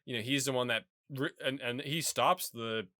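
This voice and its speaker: A man's voice: mid-range voice, moderate pace, sharp tone, no room sound, clean studio sound. A man co-hosting a podcast, chatting casually about a movie and rambling through many fillers and restarts. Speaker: podcast co-host.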